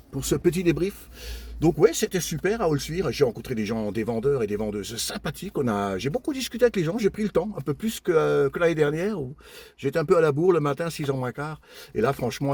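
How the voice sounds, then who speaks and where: An older man who collects from flea markets calmly lists his finds one after another in a laid-back vlog, with frequent pauses and fillers and a warm, chatty manner toward viewers. His medium-pitched voice has a breathy edge.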